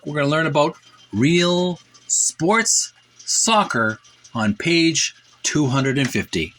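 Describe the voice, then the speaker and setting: Over music, a man with a mid-range, fairly bright voice hosts a retro gaming channel. He's chatty, earnest, and folksy as he offers casual commentary and reads book passages aloud.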